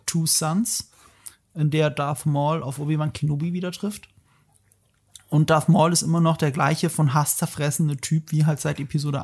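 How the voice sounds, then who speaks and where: A man hosting a podcast and chatting casually, animated and opinionated, with emphatic asides. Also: fairly high pitch. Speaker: podcast host. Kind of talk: casual discussion.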